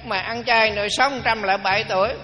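A man's voice: sits high, fairly even intonation, a little fast, bright, forceful tone, slight background noise. An older male Buddhist monk, giving a dharma talk in a folksy, humorous storytelling way. His voice rings with long hall reverb and faint music behind.

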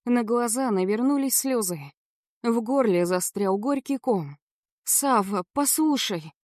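A woman's voice: a little high, a little slow, dark tone, dry recording, studio quality. A woman narrating a first-person audiobook in a dramatic, tense storytelling manner.

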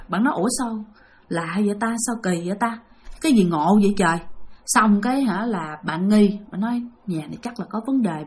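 A woman retelling a ghost story, acting out the voices of family members and dropping to a hush for the eerie parts. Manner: lively, acts out family members' quoted voices; drops to a hushed low voice for eerie parts.

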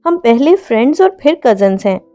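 A woman's voice: fairly high pitch, sing-song, fairly quick, dark tone, soft background music. A woman voicing a slight young woman who is hurt and pleading in a read-aloud story. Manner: pleading, wounded.

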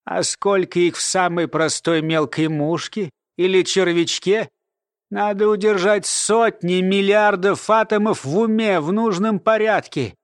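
A man's voice: sits high, fairly even intonation, measured pace, no room sound, studio quality, voice pushed up. A man voicing a sly, grumpy old woman who lectures with sarcasm in an audiobook. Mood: lecturing. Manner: lecturing, sardonic. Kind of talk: audiobook character voice.

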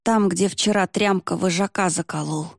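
A woman's voice: on the low side, moderate pace, gravelly, dry recording, clean studio sound. A woman voicing a grown village son in an audiobook, blunt and matter-of-fact.

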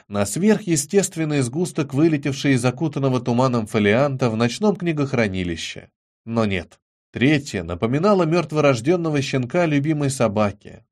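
A man narrating an audiobook in an expressive, measured reading. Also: mid-range voice.

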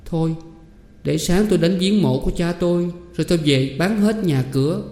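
A man's voice: a little high, a little fast, dark tone, pitched above the performer's own voice, lightly acted. A man doing a tearful, pleading young daughter. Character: poor grieving young daughter, humble and pleading. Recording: roomy hall with long reverb.

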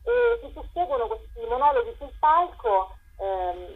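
A woman with a voice on the high side, slightly rough and swinging hugely in pitch, speaks at a measured pace. She's an interview guest, a writer and performer presenting her collective's show, talking spontaneously and enthusiastically while often searching for words. The sound is thin and band-limited, like radio or phone.

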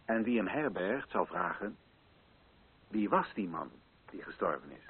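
An actor in a radio play portrays a solemn colonial official declaiming to assembled chiefs in theatrical oratory. His phrasing is rhetorical and deliberate with wide pitch swings, very animated and heavily acted, yet hushed and reverent in mood. The sound is husky and narrow, like an old muffled broadcast.

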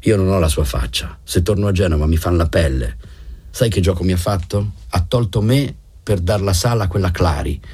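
Attore che legge un piccolo attore gobbo, agitato e teatrale, voce profondissima. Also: male voice, sits low, normal speed, breathy edge, voice pushed up. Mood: agitated. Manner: loud, agitated, theatrical. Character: small hunchbacked male actor, loud and excitable.

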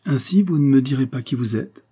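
A man's voice: mid-range voice, expressive, brisk, mellow, slightly rough, pitched above the performer's own voice. A man reading the part of a wary, curious young Spanish noblewoman in a storybook. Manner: guarded, doubting.

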